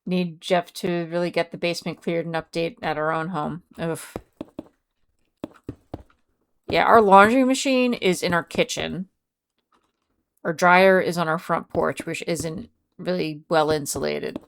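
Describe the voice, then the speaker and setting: Chatty woman streamer, lowish voice. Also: moderate pace, gravelly, a little hiss or hum. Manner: chatty, reads and answers chat aloud. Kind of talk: casual live-stream chat. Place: home.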